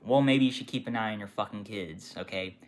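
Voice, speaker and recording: A retail worker telling work stories in a casual, profane rant, swinging from loud outbursts to muttered asides. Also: mid-range voice, a little fast.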